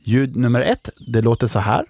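Gravelly jokey podcast man. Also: medium pitch, fairly even intonation, a little mellow, slight background noise. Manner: jokey, drawn-out riddle reading. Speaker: children's podcast host. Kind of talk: playful riddle-and-joke podcast chat.

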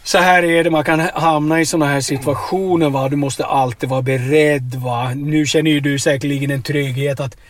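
A man telling absurd stories in a deadpan, rambling way inside a car, tagging his lines with questions. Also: on the high side, few pauses, dry recording. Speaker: comedic storyteller. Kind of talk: deadpan absurd comedy chat.

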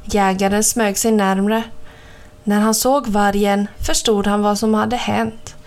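A woman's voice: mid-range voice, little pitch movement. Woman reading a children's fairy tale. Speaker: narrator. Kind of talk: reading a children's storybook aloud.

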